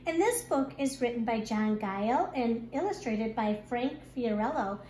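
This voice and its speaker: In an echoey room with noticeable background noise, a woman teaching kindergarten reads a rhyming picture book aloud. Her slightly high voice is expressive and deliberate as she tells the story to young children.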